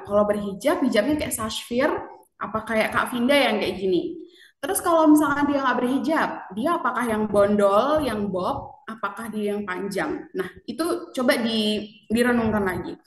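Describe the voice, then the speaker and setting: A woman's voice: a little high, echoey room, distant mic. A woman presenting a casual marketing lecture, chatty, often asking the audience questions.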